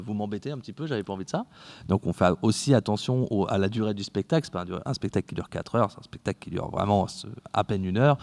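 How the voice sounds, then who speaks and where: A man's voice: medium pitch, darkish tone. A man, a theatre company guest, talking in a casual interview with enthusiasm and frequent restarts.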